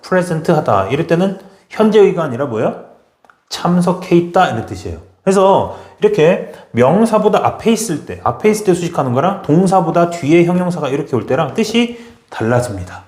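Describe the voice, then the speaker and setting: A man teaching an English grammar lesson in a brisk way, often checking in with his students and urging them to memorize. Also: fairly high pitch, big pitch swings, a little mellow, echoey room. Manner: brisk, repeats "okay?" and pushes students to memorize. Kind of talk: classroom lecture.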